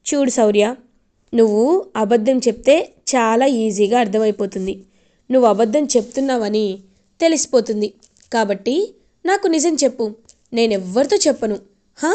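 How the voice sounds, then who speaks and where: A woman's voice: fairly high pitch, moderate pace, long pauses, dark tone, natural voice. A woman voicing an angry young father who scolds his family for upsetting his daughter, in a stern retelling of a TV serial.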